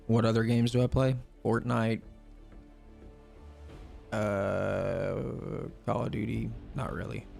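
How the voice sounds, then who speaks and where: A man's voice: on the low side, gravelly. A man streaming a game and chatting casually with viewers, laid-back, slangy and rambling. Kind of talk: casual live-stream chat.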